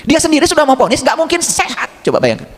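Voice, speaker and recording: The long reverb of a hall surrounds a middle-aged man whose voice is very high and who talks fast. Giving an informal sermon as a religious teacher, he stays animated, repeatedly questioning his listeners and acting out short exchanges.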